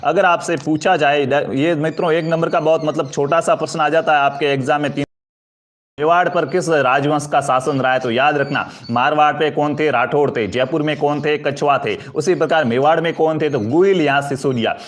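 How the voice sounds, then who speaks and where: Guy teaching history for exams, bit high voice, keeps asking then answering his own questions. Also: steady tone, normal speed. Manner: repeats questions and answers them himself; addresses students as friends, asks for comments and likes. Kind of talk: exam-prep history lesson.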